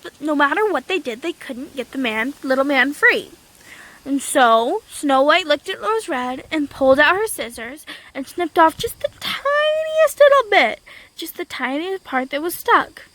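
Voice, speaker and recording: A woman telling a fairy tale in a lively, unscripted way, with small slips and repetitions. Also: high voice, normal speed, low-quality recording. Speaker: storyteller. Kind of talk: casual storytelling.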